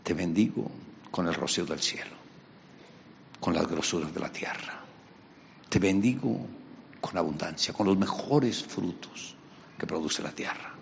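Preacher doing a frail old blind father, hushed, soft, weary, gravelly. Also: sits low, lively intonation, measured pace, pauses often, muffled recording, a little hiss or hum, full character voice. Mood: solemn.

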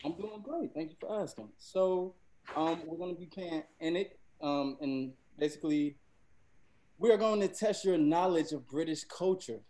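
A polite man explains the rules of a quiz game in a plain, even voice. He sounds a little sheepish and laughs at his own fumbles. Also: on the high side, moderate pace. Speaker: game segment presenter.

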